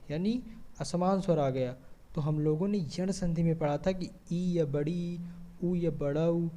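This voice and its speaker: A man's voice: on the high side, mellow. A man teaching a grammar lesson step by step, asking questions and answering them himself, with frequent checking words. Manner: explains step by step, often asks and answers his own questions. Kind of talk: board-style grammar lesson.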